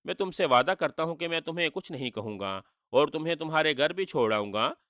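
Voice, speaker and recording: A boastful sorcerer villain, as a narrator puts him on, mocking and gloating. The voice is bright and edged, with a close, dry sound. Storybook telling. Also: male voice, on the high side, expressive, fairly quick, dry recording. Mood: pleading, wheedling. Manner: gloating, taunting with read-out laughter.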